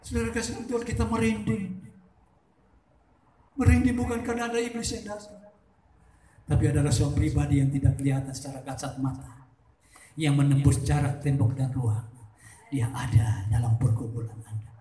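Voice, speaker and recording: Fervent high-voiced preacher, echoey hall. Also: male voice, steady tone, moderate pace, pauses often. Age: middle-aged. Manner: swings between soft intimate asides and loud fervent climaxes. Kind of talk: sermon.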